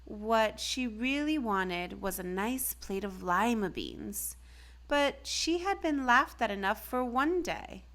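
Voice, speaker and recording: A woman narrating a children's storybook aloud in an expressive read-aloud style. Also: fairly high pitch, slow pace. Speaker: storybook reader.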